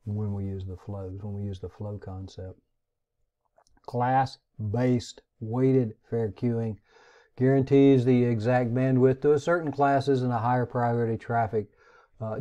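A man teaching a recorded networking lecture, talking in a halting way with many restarts and fillers. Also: mid-range voice, dark tone, lo-fi sound. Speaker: instructor.

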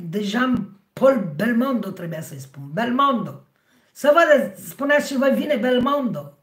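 A middle-aged woman with a hoarse, husky voice, hosting a livestream and chatting with her viewers by name. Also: high-pitched. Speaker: livestream host. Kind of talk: casual livestream chat with viewers. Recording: roomy, echoey sound.

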